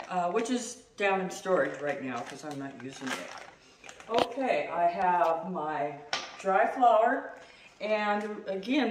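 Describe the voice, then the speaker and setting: A middle-aged woman chatting casually as she demonstrates a recipe at home, self-deprecating and quick to laugh. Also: medium pitch. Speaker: home cooking host. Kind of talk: casual cooking demo. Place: home kitchen, indoors. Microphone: far camera. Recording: roomy, distant, noisy.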